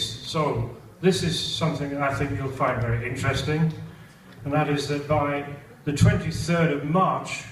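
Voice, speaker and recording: An older British man gives a measured, wry testimonial speech at a large event, his voice a touch higher than most men's. He is picked up from a distance in a booming hall. Steady noise sits under his words. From Britain. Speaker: event speaker. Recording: echoey hall, distant mic, noisy.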